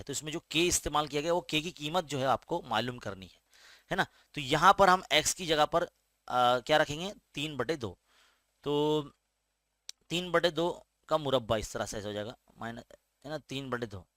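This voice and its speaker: A man's voice: mid-range voice, a bit bright, dry recording, clean studio sound. A man teaching a school maths lesson step by step with an Indian Urdu-medium accent, patiently checking in with his students as he goes. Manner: explains patiently, often asks "है ना?".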